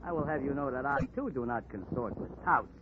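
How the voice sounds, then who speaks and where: An actor playing a cocky, touchy little ex-jockey, talking in puffed-up, mock-formal slang in a 1940s radio drama. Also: male voice, medium pitch, animated, fairly quick, close to an everyday voice. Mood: indignant. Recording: tinny, faintly noisy old radio recording.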